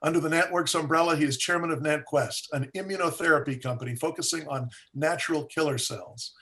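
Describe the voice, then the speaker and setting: Higher-voiced man giving a formal introduction. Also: brisk, sharp tone. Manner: formal, reads a list of titles. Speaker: host introducing speaker.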